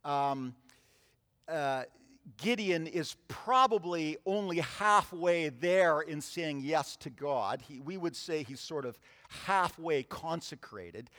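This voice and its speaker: Animated male preacher in a reverberant hall. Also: fairly high pitch, slow. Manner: animated storytelling, acts out voices in the scripture reading. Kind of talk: sermon.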